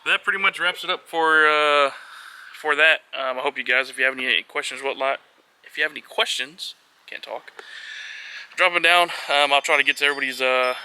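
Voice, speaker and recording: Over noisy location sound, a man with a fairly high, sharp-toned voice talks briskly through a casual how-to vlog. He's offhand and unscripted, hesitating often and leaving phrases hanging.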